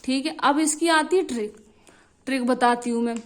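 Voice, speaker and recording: A young woman with a high voice teaches at a moderate pace. She keeps repeating key phrases as drills and regularly checks with her students, for example with "theek hai."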